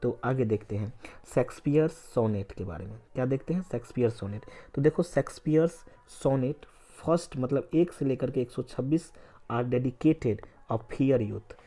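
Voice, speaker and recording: A man's voice: mid-range voice, unhurried, warm tone. A male teacher giving an exam-prep literature lesson in Hindi mixed with English, asking a question and answering it himself again and again. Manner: repeats points as quiz questions and answers them; spells out words letter by letter.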